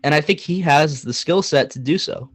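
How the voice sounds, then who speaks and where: A young man co-hosting a casual sports podcast, talking in an animated, joking way and hammering points with repetition. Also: a little high, moderate pace, no echo, studio quality. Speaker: podcast co-host.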